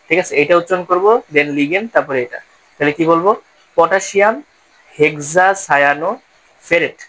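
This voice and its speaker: In this poorly recorded classroom-style chemistry lesson, a man explains each step and raises questions only to answer them himself. He has a fairly high voice with a fairly bright tone.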